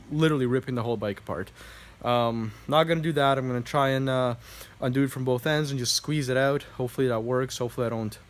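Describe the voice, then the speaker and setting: A man vlogging casually while he works on a motorbike indoors, talking with a relaxed manner and thinking aloud with fillers. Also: on the high side. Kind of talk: casual commentary while working. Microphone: camera mic, handheld then set down.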